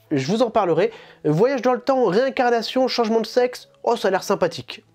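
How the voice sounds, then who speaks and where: A woman with a fairly low voice talks through an unboxing in a casual, chatty way. Her pitch swings widely as she gets excited. Faint music plays behind her. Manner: animated, chatty and enthusiastic, with laughs. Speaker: manga channel host.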